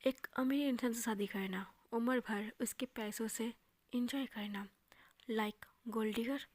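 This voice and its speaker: A woman's voice: fairly high pitch, steady tone, unhurried, darkish tone, no echo. Brief: a woman doing a scornful young man, taunting and cold, raised voice, dry.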